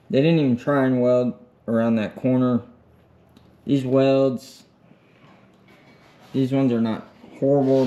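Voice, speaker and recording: Male DIY truck vlogger, plain-spoken and easygoing, average pitch, off-the-cuff delivery. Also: mellow. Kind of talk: casual, unscripted vlog talk.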